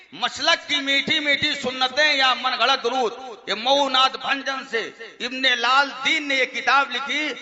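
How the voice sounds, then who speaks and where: A male cleric lecturing a gathering, reading out verses in a mocking sing-song chant and laughing at them. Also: very high-pitched. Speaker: Islamic cleric. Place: large gathering with a noisy audience. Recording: dull lo-fi recording with a crowd.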